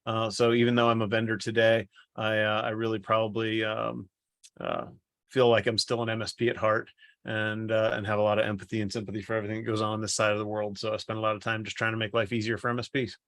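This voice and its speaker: Guy hosting a chill livestream, kinda low voice, rambly joking banter, no room sound. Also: little pitch movement, quick pace, fairly bright tone, dry recording. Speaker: livestream host, company co-founder. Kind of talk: casual livestream chat.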